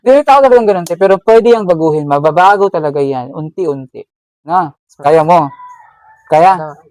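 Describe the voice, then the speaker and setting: A charity vlogger giving out school allowance coaches a shy student to speak up, firm and motherly in a lecturing, animated, casual way. She speaks at a moderate pace in a lowish, slightly mellow voice. There's no echo.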